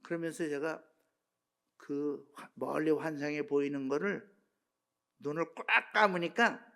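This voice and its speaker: An older man, a pastor, preaching a sermon with a personal testimony, telling it with feeling and moving between hushed tones and shouts. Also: a little high, unhurried, gravelly. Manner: emotional storytelling, swinging between hushed and shouting.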